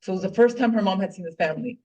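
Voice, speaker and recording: A guest speaker from Puerto Rico gives an impassioned personal speech at a political club meeting, earnest and heartfelt, full of fillers and restarts. Her medium-pitched voice is warm and rapid-fire. She's captured from afar in a dull, lo-fi room recording.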